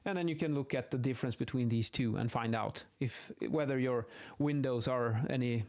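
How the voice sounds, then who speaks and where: A man with a mid-range, slightly mellow voice speaks at a normal speed. He's an acoustics instructor giving an informal lesson on measurement methods, improvising as he sketches, thinking aloud and correcting himself along the way.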